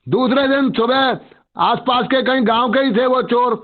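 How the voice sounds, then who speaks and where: An older man slowly telling a devotional memory over an online call that breaks up and echoes, his phone held away from his mouth. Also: very high voice, steady tone. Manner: halting, slow, trailing off. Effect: breaking up, cutting out on a poor online call. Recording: dull, choppy, echoey call audio with faint music.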